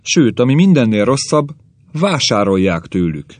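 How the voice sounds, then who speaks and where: A man's voice: fairly low pitch, big pitch swings, a little mellow, dry recording. A man voicing a grumbling old caveman grandfather who rants and complains about the young, in a story reading. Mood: ranting. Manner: querulous ranting.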